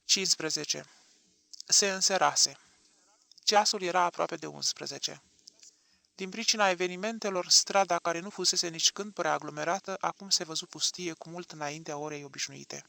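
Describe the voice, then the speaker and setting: A man narrating an audiobook with an expressive, dramatic reading. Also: on the high side, vocal fry, no echo.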